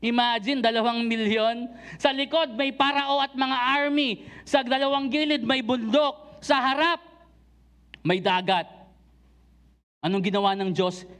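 A man preaching a sermon to a church congregation, mixing Tagalog and English. He calls out to the listeners with rhetorical questions and swings between loud urging and low, intense passages. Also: unhurried, pauses often, clear, resonant tone. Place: church service.

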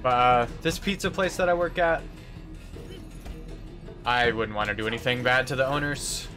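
A man's voice: mid-range voice, normal speed. A young American man chatting casually as he plays a game, replying to his viewers. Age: young adult. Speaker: game streamer. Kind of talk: casual chat while playing, replying to viewers. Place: indoor room at a desk. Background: faint game music.

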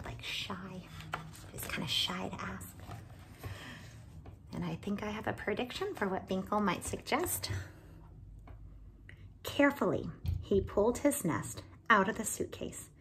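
A woman in her thirties, a teacher, reads a picture book aloud to children in a medium-pitched, slightly bright voice, unhurried and with long pauses, adding friendly asides and explaining words. She is recorded close on a phone camera in a small room at home, with slight background noise.

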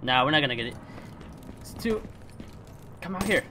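A young man hosting his gaming channel, chatting casually and reacting out loud as he plays. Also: a little high, moderate pace, noisy background. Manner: excitable, chatty, swings between hushed focus and loud outbursts. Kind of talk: casual gameplay commentary.

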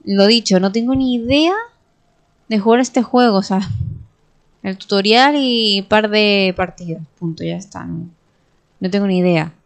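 A young woman with a Spain Spanish accent commentating her own gameplay, excitable, swearing and talking to herself as she plays. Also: medium pitch, unhurried, vocal fry, pauses often. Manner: excitable, swears and talks to herself while playing. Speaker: gaming streamer.

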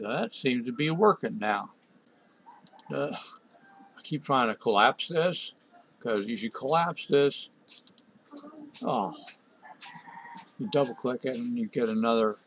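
A man narrating a screen-recorded software walkthrough, talking to himself in an exasperated way as he clicks around. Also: medium pitch, lo-fi sound, slight background noise. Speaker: software developer reviewing a program.

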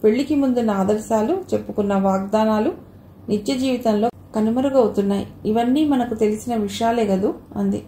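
A woman voicing a frank young female friend who reasons things through calmly in a narrated audio novel. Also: fairly high pitch, brisk, natural voice. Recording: echoey room, faint hiss.

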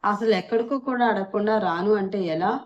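A woman's voice: mid-range voice, moderate pace, highs cut off, lightly acted. A woman voicing an impatient, bossy young man in a spoken storybook.

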